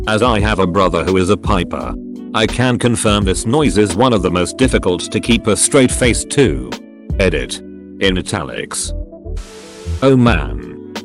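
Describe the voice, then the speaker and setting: A man narrating forum stories in a steady scripted read. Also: fairly low pitch. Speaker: narrator reading forum posts. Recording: faint music bed behind.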